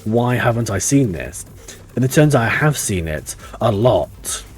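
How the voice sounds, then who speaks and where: A man live-streams a game, chatting casually and rambling, swearing freely and restarting often, with faint game music in the background. His mid-range voice has a sing-song quality and a measured pace.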